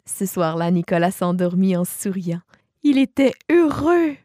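A woman reading a bedtime story aloud to a child, gentle and expressive with slow pauses. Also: fairly low pitch, no room sound, studio quality.

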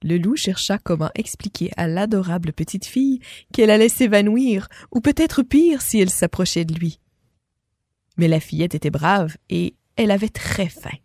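A woman reading a children's story aloud as a storyteller, expressive and speaking to a child listener. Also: mid-range voice, normal speed, dry recording, clean studio sound.

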